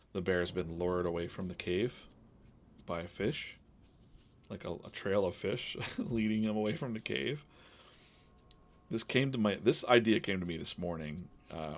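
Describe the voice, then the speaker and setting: A man's voice: low voice, vocal fry, a little hiss or hum. A man hosting a live drawing stream, chatting casually and rambling with frequent restarts as he works on a comic. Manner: rambling, self-interrupting, business-minded.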